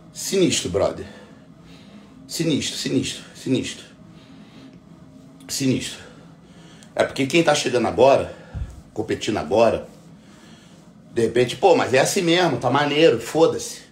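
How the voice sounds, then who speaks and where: A middle-aged bodybuilding competitor, ranting in casual, heavily profane talk and repeating himself for emphasis. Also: male voice, mid-range voice, a little hiss or hum. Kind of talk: casual conversational rant. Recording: echoey room.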